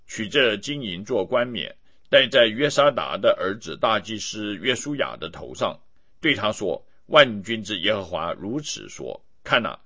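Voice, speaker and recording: A man giving a steady, measured scripted reading of scripture. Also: lowish voice. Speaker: Bible reader.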